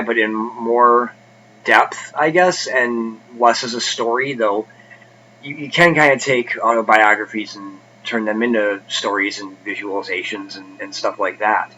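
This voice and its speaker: A man's voice: mid-range voice, bright, forceful tone, muffled recording, a little hiss or hum. A congested man hosting a casual book review channel, rambling with many fillers and restarts.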